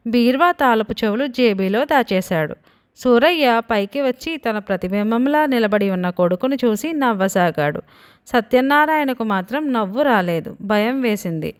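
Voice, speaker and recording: A woman storyteller reading a moral tale for children. She tells it steadily and expressively. Her voice sits a little high. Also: lively intonation, moderate pace. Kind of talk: scripted children's story narration.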